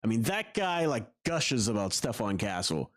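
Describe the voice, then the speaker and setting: A man hosting a casual basketball podcast chat, animated and quick to laugh, talking in long runs. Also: fairly low pitch.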